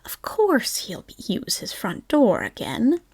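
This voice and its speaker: A woman's voice: fairly high pitch, wildly swooping pitch, slow pace, husky, heavily acted. A woman whispering as a kind, fond little boy. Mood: reassuring. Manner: soft and fond. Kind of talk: whispered role-play.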